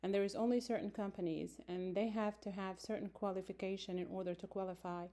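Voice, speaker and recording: In a small room, a forties-aged woman from Morocco, brought up in France, introduces herself to her class slowly, often pausing on fillers and correcting herself. Her phone is held close, and her medium-pitched voice is mellow and steady.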